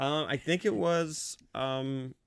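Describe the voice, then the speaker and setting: A man's voice: a little high, slow, vocal fry, clear, resonant tone, dry recording, clean studio sound. A man in his twenties co-hosting a podcast, telling rambling stories with laughs and fillers. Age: 20s. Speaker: podcast co-host. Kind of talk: casual chat.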